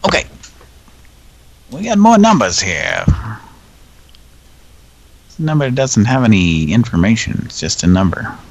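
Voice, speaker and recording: Gravelly joking male host. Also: lowish voice, sing-song, measured pace, long pauses, no echo, lo-fi sound. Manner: joking, laughing often. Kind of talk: live prank call stream.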